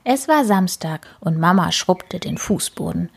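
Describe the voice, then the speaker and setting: A woman's voice: fairly low pitch, animated, unhurried, gravelly, husky. Woman whispering a children's story. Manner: soft, hushed.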